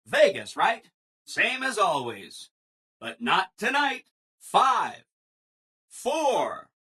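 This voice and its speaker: A man's voice: high-pitched, pushed and bright, breathy edge, full character voice. A man voicing a relentlessly cheerful, eager-to-please robot assistant in a video game, with chirpy, over-agreeable salesman enthusiasm. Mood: gleeful, excited. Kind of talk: video game character voice lines.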